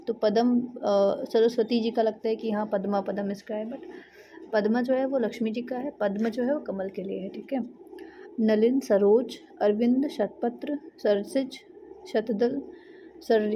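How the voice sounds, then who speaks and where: A woman's voice: fairly high pitch, vocal fry, highs cut off, slight background noise. A woman teaching exam vocabulary, reading through synonym lists and checking in with her students as she goes. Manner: runs through word lists, with frequent "theek hai" checks.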